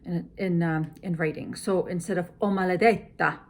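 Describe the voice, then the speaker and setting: A woman who is an opera singer, explaining how she works through a scene in a measured, teacherly way, often dropping to a soft near-whisper. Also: on the low side, fairly even intonation. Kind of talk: teaching walkthrough.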